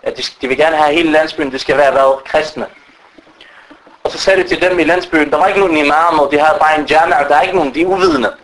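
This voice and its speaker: A man with a high-pitched voice delivering a religious lecture. He tells stories in a lively way and keeps putting rhetorical questions to his listeners. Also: a little hiss or hum, rough recording. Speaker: preacher.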